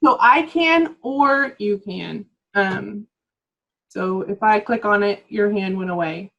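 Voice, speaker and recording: A woman's voice: medium pitch, slow, vocal fry, fairly bright tone, muffled recording. A woman leading a staff training session over a video call, explaining step by step in a patient, casual way. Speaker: workshop presenter.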